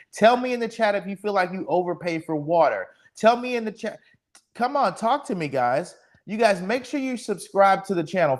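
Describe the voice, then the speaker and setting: A man in his forties from Texas, hosting a solo live podcast stream, ranting sardonically and speaking to the chat. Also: sits high. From Texas, USA. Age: 40s. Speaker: podcast host.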